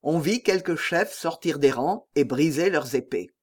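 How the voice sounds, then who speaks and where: A man narrating an audiobook in a steady, dramatic storytelling manner. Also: a little high, a little slow. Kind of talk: scripted narration.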